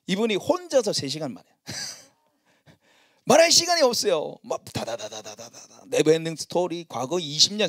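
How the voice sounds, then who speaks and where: A middle-aged male pastor preaching in a church, telling stories about himself in a lively, self-mocking way. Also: a little high, dry recording, clean studio sound. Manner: storytelling, animated and self-mocking. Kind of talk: sermon.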